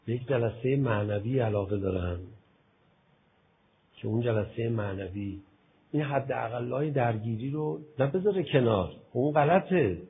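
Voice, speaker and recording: A man preaching a religious sermon, acting out imagined talks with his listeners, going from a soft murmur to loud outbursts. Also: medium pitch, animated, slight background noise, rough recording. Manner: acts out both sides of imagined dialogues with listeners; swings from soft murmur to loud impassioned exclamation.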